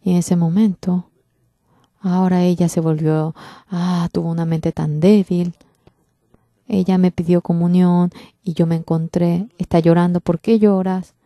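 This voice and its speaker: Low, mellow woman interpreting a sermon. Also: level tone, a little slow, no echo, clean studio sound. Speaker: interpreter for a pastor. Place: church.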